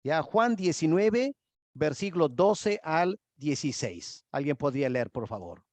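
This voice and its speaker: A man, a pastor, teaching a Bible study slowly and deliberately, asking his listeners questions into a microphone. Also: a little high, very animated, a little mellow, no room sound. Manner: slow, deliberate, asks the class questions.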